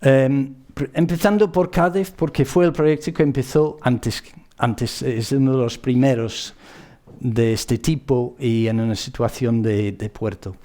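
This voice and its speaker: A conference speaker from the Bristol area, a native English speaker with a British accent, gives a public presentation. His mid-range voice is mellow, but he speaks haltingly and often repeats himself while searching for words.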